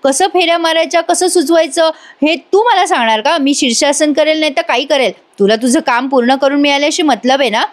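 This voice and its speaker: A woman's voice: high-pitched, fairly quick, close to an everyday voice. A woman voicing a fiery, stubborn young woman who is a designer, talking back in a defiant way. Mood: quarrelsome. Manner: quarrelsome, defiant.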